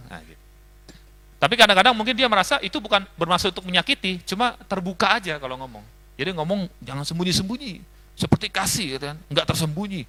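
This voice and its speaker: A male pastor teaching a leadership seminar in a lively way, listing traits and often addressing his listeners. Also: sits high. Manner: lively, lists traits, often asks the audience.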